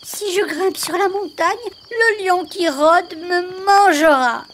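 A man voicing a small frightened boy in a storybook reading, speaking slowly and plaintively. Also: very high voice, a bit bright, slight background noise, pitched above the performer's own voice, exaggerated voice. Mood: worried. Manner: slow, plaintive, childlike.

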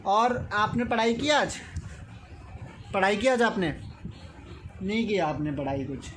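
A man's voice: high-pitched, a little slow, fairly bright tone. A young man vlogging at home, talking playfully and coaxingly with a small child. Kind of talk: casual home vlog chat. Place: family home indoors. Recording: noisy home recording.

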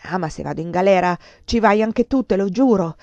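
A woman voicing a desperate, furious man, a ruined lover turned thief, shouting bitter accusations. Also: mid-range voice, brisk, no room sound, lightly acted. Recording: dull lo-fi dry recording.

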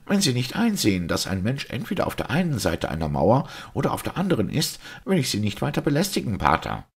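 Brief: shrill, agitated doctor, read by a man, raspy edge, wildly lively. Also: heavily acted. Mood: indignant. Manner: shouting, exasperated, rapid. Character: agitated impatient male doctor, indignant.

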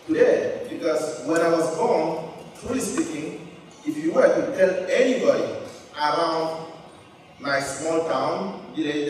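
A man's voice: a little high, a little hiss or hum. A middle-aged man from Cameroon giving a storytelling keynote speech to students on an auditorium stage, holding a handheld mic. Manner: storytelling, animated gestures. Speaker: keynote speaker. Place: large wood-panelled auditorium stage. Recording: echoey hall, picked up from far.

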